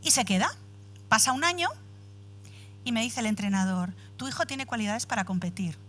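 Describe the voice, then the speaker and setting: A woman's voice: on the high side, normal speed. A woman in her forties giving a motivational talk, addressing the audience directly and telling a personal story with acted-out dialogue. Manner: animated storytelling, acts out dialogue. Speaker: speaker at a women's empowerment event.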